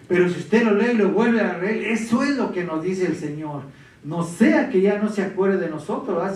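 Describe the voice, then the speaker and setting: A man delivers a sermon in a high voice, urging and pleading as he stacks up his points. He keeps asking his listeners "right?" to hold them with him. The sound is roomy and a little distant, like a church recording. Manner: repeats "¿verdad?" often, pleading and exhorting. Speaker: preacher. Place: church hall. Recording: echoey church from far off.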